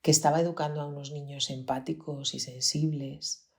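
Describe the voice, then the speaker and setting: A woman with a Peninsular Spanish accent and a strikingly low, deep voice, hosting a podcast. She tells a personal story in an earnest, reflective way. She often sinks to a near-whisper. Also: level tone, moderate pace, gravelly. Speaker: podcast host, pediatrician.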